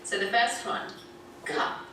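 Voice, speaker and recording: Heard from afar with noise, an echoey video playing in a room features an English teacher with a standard southern British accent hosting a pronunciation lesson. She explains things slowly, with cheerful laughs, and is recorded from a distance.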